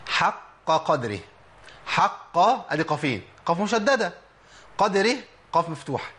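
A man with an Egyptian Arabic accent teaching Quran letter pronunciation, slowly drawing out example words between lively explanations. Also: fairly high pitch. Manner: slow drawn-out demonstration of words, lively explanatory talk.

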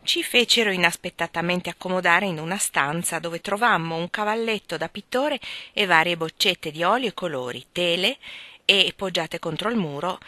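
A woman narrates a classic novel as an audiobook, measured and expressive. Her voice is bright and forceful, pitched a little low. The recording is dry and close to the mic. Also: no room sound. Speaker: audiobook reader.

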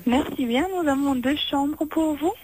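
A woman hotel receptionist on a phone call, polite and formal, her French a little halting. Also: sits high, a little mellow, no echo.

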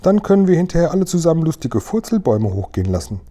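Ein Mann, der einen riesigen, freundlichen, kindlichen Riesen spricht, der laut und aufgeregt die Wörter verdreht. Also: male voice, on the high side, fast talker, voice pushed up. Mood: excited. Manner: loud, excited, word-mangling. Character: huge friendly male giant, childlike, mangles words.

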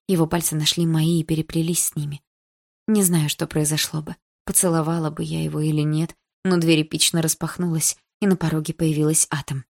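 Woman narrating a teen audiobook, lowish voice. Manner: lively, shifts into character voices. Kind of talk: expressive audiobook reading.

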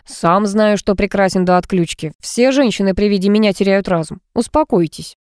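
A cocky male detective boasts smugly about his own charm, read by a woman narrator. The tone is mellow and unbright. The sound is dry and close. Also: medium pitch, moderate pace, clean tone, no echo, natural voice. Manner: smug, mock-boastful. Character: cocky male detective, self-admiring joker.

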